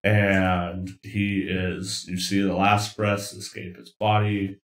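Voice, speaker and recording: A man narrating as game master of a tabletop role-playing session, describing kills and calling turns in a relaxed, chuckling way. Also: low-pitched, slow, echoey room.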